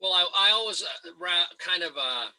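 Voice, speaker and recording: A man's voice: sits high, animated, moderate pace, sharp tone, poor audio. A man being interviewed as a guest author over a video call, talking in a wry, self-mocking and long-winded way. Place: home in Spokane.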